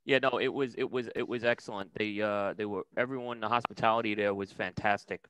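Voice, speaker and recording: A man's voice: fairly low pitch, steady tone, noisy background. A middle-aged man hosting an interview, talking with enthusiasm and lots of fillers into a headset mic in a small studio. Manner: enthusiastic, halting, many fillers. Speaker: show host. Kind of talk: casual interview. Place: studio with logo backdrop.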